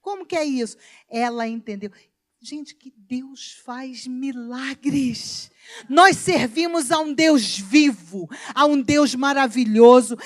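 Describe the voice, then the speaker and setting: High-voiced Brazilian woman pastor preaching. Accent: Brazilian Portuguese. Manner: emphatic and storytelling, swinging between soft and loud. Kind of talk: sermon. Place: church.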